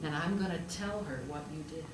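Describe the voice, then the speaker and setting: A pastor and hospital chaplain with a low-sitting voice speaks briskly through a storytelling sermon. She talks conversationally, posing rhetorical questions and repeating herself for emphasis. The sound is roomy and distantly captured, with faint noise.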